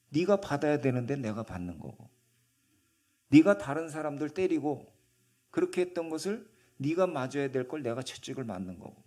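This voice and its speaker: A man voicing Jesus as an earnest, gentle male teacher, in a plain sermon voice. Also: medium pitch, lightly acted. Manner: earnest, explaining.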